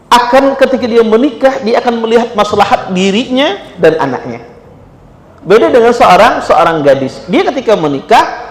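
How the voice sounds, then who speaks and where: A man with a Banjar Indonesian accent preaching in an animated, conversational way, with local phrases. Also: sits high. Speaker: Islamic preacher. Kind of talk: sermon. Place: prayer room. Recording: echoey prayer room, long reverb.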